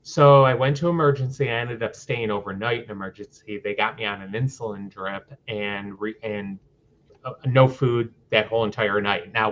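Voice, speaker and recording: Middle-aged male guest, animated storyteller who acts out the people in his story, slightly muffled livestream sound. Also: mid-range voice, a little hiss or hum. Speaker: interview guest. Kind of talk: casual storytelling in a livestream interview.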